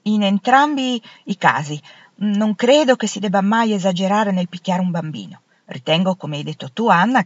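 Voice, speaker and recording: A woman doing careful young Gilbert, slow and measured. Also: lowish voice, no room sound. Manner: slow, weighing his words. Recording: dull lo-fi, dry.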